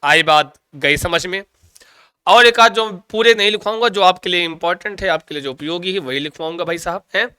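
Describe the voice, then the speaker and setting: A man's voice: high-pitched, brisk, sharp tone, clear, resonant tone, dry recording. A man teaching Sanskrit grammar in an exam coaching lecture, asking questions and answering them himself, with much repetition. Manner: asks and answers his own questions, repeating answers; calls students "bhaiya" and "ji".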